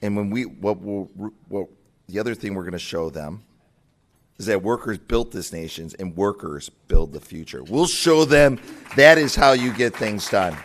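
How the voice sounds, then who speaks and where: At a party breakfast, a labor leader gives a rousing rally speech, raising his voice on key words. He speaks at normal speed in a voice on the low side.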